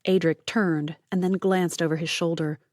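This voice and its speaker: A woman's voice: lowish voice, fairly even intonation, normal speed, darkish tone, no echo, clean studio sound. A woman narrating an audiobook, voicing each character and dropping to a whisper for tense lines.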